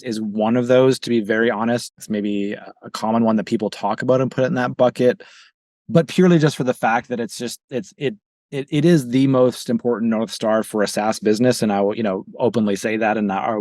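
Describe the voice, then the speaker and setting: Man, startup CEO, podcast guest, quick loose talk, many fillers, dry close mic. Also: mid-range voice, a little mellow, no room sound. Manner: fast, loose, full of restarts and fillers like "you know". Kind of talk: casual podcast conversation.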